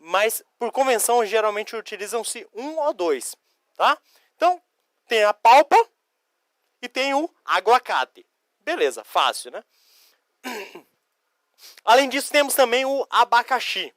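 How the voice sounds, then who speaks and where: A man from Curitiba in Brazil teaching Spanish vocabulary in a recorded lesson, explaining each word slowly, spelling out letters and answering imagined student questions. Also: very high voice, very animated, fairly bright tone, no room sound, clean studio sound. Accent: Curitiba Brazilian Portuguese. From Curitiba, Paraná, Brazil.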